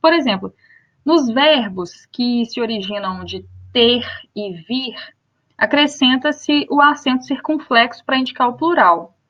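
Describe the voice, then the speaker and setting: A young woman with a Brazilian Portuguese accent teaching a grammar lesson, repeating each example word slowly and clearly. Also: on the high side, expressive, a bit bright, lo-fi sound.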